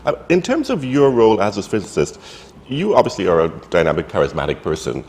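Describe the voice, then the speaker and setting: A man's voice: fairly low pitch, big pitch swings, fast, darkish tone. A man interviewing a guest, asking leading questions that end in tags. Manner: leading questions with tag endings. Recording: reverberant hall with faint noise.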